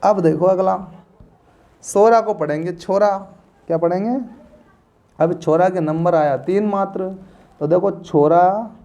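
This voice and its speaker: A man's voice: sits high, a little slow, long pauses, warm tone. A man teaching a class, playfully repeating memory tricks and quizzing his students. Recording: dull lo-fi recording.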